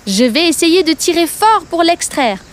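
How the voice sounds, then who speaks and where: A woman's voice: very high voice, very animated, moderate pace. A woman voicing a small, helpful male bird in a chirpy manner for a children's storybook. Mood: calling out.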